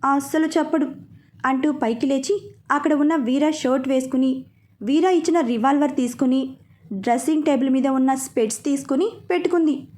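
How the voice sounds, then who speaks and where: A woman narrating a serialized romance story in a steady, plain storytelling manner. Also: high voice, fairly quick.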